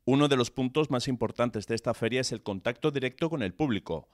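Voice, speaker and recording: A man reading a scripted news voice-over in an even, formal way. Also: mid-range voice, fairly quick, a little hiss or hum. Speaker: news narrator.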